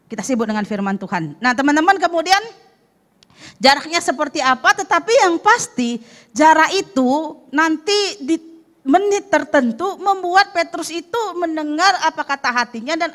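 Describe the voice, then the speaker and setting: A woman pastor preaching a lively sermon, acting out the story and putting questions to the congregation. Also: high-pitched, moderate pace. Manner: animated, acts out the story and asks the congregation questions. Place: church service.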